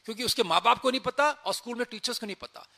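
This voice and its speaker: A man's voice: very high voice, rapid-fire, creaky. A former army officer telling a story from his service, acting out the dialogue as he goes. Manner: acts out dialogue in lively retelling. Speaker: army officer sharing experience. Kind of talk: storytelling talk.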